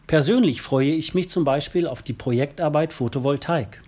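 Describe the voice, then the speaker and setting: A man from a parish council reading a prepared statement in a measured, formal way. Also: fairly high pitch, mellow, breathy edge.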